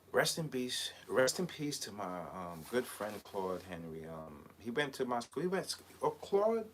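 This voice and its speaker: Deep-voiced man rambling on a live stream. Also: slight background noise. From Barbados. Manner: rambling, with many hesitations and fillers. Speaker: clothing brand designer hosting a live chat. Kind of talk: casual live-stream talk.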